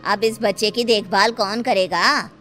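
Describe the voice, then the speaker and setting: A woman voicing a kind village elder who speaks gently and reassuringly. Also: mid-range voice, fairly even intonation, a little slow, faint music behind, lightly acted.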